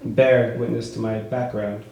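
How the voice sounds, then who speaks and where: A man reading his own prose poetry aloud at a book launch, with a measured, rhythmic delivery. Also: fairly low pitch, little pitch movement, gravelly, darkish tone. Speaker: author reading his work. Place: bookshop event space. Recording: echoey room with faint noise.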